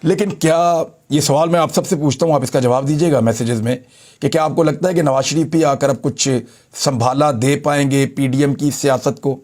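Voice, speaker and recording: Guy doing a political vlog, kinda high voice, emphatic, piles up points fast. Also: a little mellow. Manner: emphatic, lists points rapidly. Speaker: political commentator.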